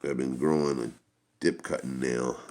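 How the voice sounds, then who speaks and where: A man giving a casual product review in a rambling, halting way. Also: very deep voice, steady tone, darkish tone.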